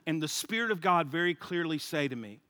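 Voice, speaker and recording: A man, a guest speaker telling a funny story at church in an animated, joking way. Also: on the high side, brisk, noisy background. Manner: animated, joking, laughs at his own story. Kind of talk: humorous storytelling sermon.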